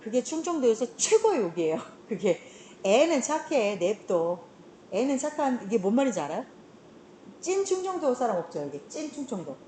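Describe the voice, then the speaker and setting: A woman teaching a high school class, explaining an English reading passage and now and then scolding students for dozing off. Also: sing-song, brisk, dark tone, slight background noise. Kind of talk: classroom lecture.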